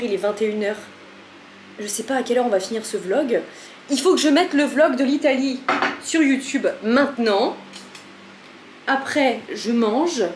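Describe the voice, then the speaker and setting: A woman filming a casual daily vlog in her home kitchen. She chats in a frazzled, self-mocking way and keeps talking to her cat. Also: a little high. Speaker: vlogger. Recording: echoey kitchen with faint room noise.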